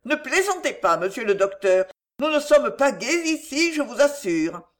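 A woman's voice: sits high, very animated, moderate pace, pitched above the performer's own voice. A reader plays an earnest female servant in a storybook reading. The voice rises well above the narration, anxious and insistent.

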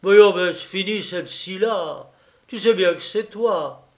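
A man voicing a gruff, impatient husband who snaps back in blunt, loud retorts. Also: a little high, slow.

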